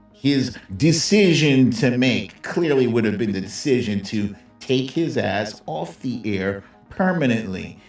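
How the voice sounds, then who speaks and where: On a live political commentary stream, a man with a medium-pitched, somewhat mellow voice riffs in a sardonic, opinionated, casual way, dropping salty slang. His distant mic picks up roomy echo with music in the background.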